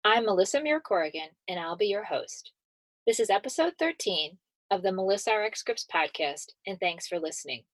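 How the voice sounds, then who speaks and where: Podcast host: woman, mid-pitched, measured and formal scripted intros and interview questions, dry close sound. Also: lively intonation, no room sound.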